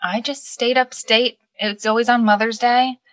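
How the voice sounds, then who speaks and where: A woman's voice: fairly high pitch, steady tone, moderate pace, fairly bright tone, dry recording. A woman with a Long Island accent, a podcast guest chatting casually, laid-back with hesitant fillers and easy laughs. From New York. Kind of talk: casual interview chat.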